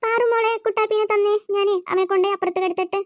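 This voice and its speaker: A performer voicing a gentle young mother in a cartoon, speaking softly and coaxingly to small children. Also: extremely high pitch, level tone, fast talker, dry recording, clean studio sound. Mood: soothing.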